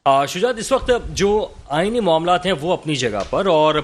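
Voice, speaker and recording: A man hosting a political talk show, asking measured, probing questions. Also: fairly high pitch, lively intonation.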